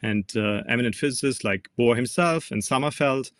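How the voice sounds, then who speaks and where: A man's voice: medium pitch, moderate pace, no room sound. A man with a German accent, a physics professor, explaining carefully as an interview guest with frequent ums.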